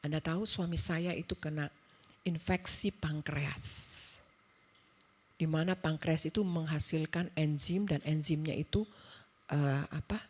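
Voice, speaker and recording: Middle-aged woman, preacher, deep and breathy voice, storytelling sermon with acted-out dialogue. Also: steady tone, a little mellow. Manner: conversational storytelling, acts out dialogue, quick asides. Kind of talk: sermon to a women's service. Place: church service.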